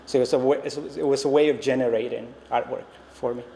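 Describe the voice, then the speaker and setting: A man in his thirties from Costa Rica, natively Spanish-speaking, gives a fairly quick artist talk as a visiting artist. His medium-pitched voice is mellow with vocal fry and fairly even intonation, while his manner stays hesitant and reflective, full of ums and restarts. The recording has faint noise and the long reverb of a gallery hall.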